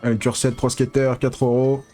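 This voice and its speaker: A man giving excitable, casual live commentary as a casino streamer, pleading with the reels and swearing. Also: mid-range voice, normal speed, over music.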